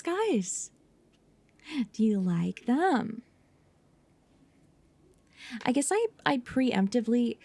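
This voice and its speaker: Hushed, mellow woman streaming ASMR chat. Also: medium pitch, gravelly, dry recording. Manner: hushed, often slipping into whisper; playful, teasing. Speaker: livestreamer host. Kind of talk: casual livestream chat, ASMR.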